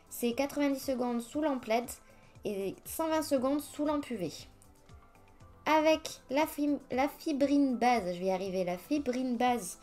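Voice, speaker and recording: With faint music behind her, a woman whose voice sits on the high side and sounds warm narrates each step of her nail art work. She chats freely and pokes fun at her own slip-ups.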